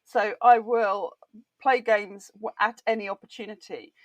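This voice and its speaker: A woman's voice: mid-range voice, steady tone, unhurried, dry recording. A British woman, a board game author, chatting enthusiastically as a podcast guest. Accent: British English. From Britain. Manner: enthusiastic, chatty, laughs easily. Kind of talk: casual interview chat.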